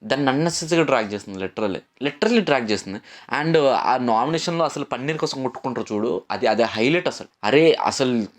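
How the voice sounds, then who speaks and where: A man's voice: medium pitch, expressive. A young man giving a casual, opinionated reality show review, repeating himself and mixing in English words. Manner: rapid, repetitive, mixes English words, argumentative.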